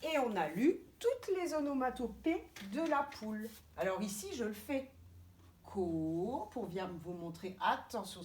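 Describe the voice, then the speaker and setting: A woman preschool teacher giving a reading lesson to young children over a camera, sounding out letters slowly and carefully in a coaxing way. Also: on the high side, a little mellow, slight background noise. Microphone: camera mic.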